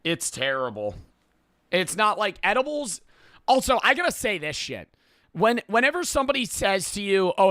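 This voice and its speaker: A man's voice: high voice, sharp tone, dry recording, studio quality. A man streaming a reaction video, telling rambling, profane stories in casual talk.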